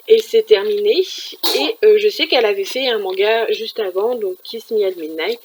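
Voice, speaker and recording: A woman chats at home about what she has been reading, her talk loose and full of little fillers and restarts. Her voice sits at an ordinary middle pitch. A faint background noise runs under the recording. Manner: chatty, many fillers and restarts. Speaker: manga reviewer. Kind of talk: casual chat.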